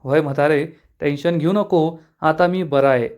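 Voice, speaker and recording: A man voicing a kindly elderly grandfather who gently advises a young man. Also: on the high side, moderate pace, natural voice. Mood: gentle.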